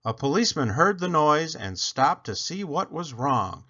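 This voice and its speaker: A man reading a children's picture book aloud, expressively and with dramatic pauses. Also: fairly high pitch, sing-song, bright, forceful tone, lo-fi sound. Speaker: read-aloud storyteller.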